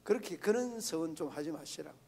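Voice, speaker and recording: A pastor preaches to his congregation in a high, gravelly voice. He talks to them in a conversational way and keeps putting questions to the room. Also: lively intonation, brisk, dark tone. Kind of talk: sermon. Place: church prayer meeting.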